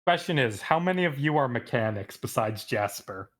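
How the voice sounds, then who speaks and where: A man's voice: medium pitch, animated, normal speed, fairly bright tone. A man running a tabletop game as game master, narrating loosely with lots of fillers.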